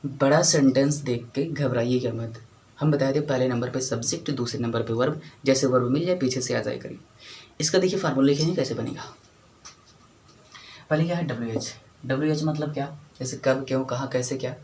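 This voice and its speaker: In a low-quality recording with a little hiss or hum, a man speaks a little fast in a medium-pitched, darkish voice. He's giving an English grammar lesson at a whiteboard, repeating key words and checking comprehension with brief questions to the class.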